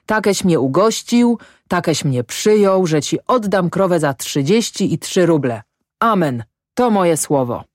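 A woman reading an audiobook and voicing a drunk, tearful older village headman who pleads and sobs, pitched higher than her own voice. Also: expressive, measured pace, a little mellow, no echo, clean studio sound. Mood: weepy. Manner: tearful, pleading, self-abasing. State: sobbing, drunk.

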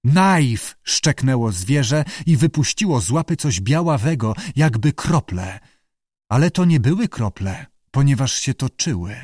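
An expressive male narrator reads a story, his voice rising and falling with a lively, animated lilt. The recording is close and dry, with no room echo. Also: mid-range voice, normal speed. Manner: lively storyteller who acts out characters. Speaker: audiobook narrator.

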